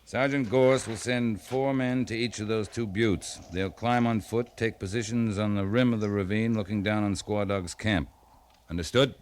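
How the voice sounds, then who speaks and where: A seasoned frontier cavalry captain, played by a man with a low voice. He is terse and matter-of-fact, speaking with plain authority in the manner of an old radio western. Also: steady tone, moderate pace, a little hiss or hum, natural voice. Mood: briefing.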